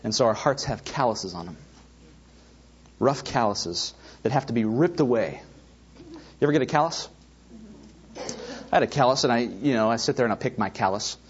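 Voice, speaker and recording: A man's voice: mid-range voice, moderate pace, pauses often, lo-fi sound, a little hiss or hum. A middle-aged man preaching a sermon, telling personal stories with asides to the congregation. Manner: animated storytelling with asides to the congregation. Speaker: pastor.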